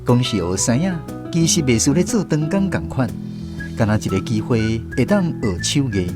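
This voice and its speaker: Over guitar music, a man with a Taiwanese accent narrates a radio drama as a reflective storyteller recalling his apprentice days. His mid-range voice is sing-song, natural and at normal speed.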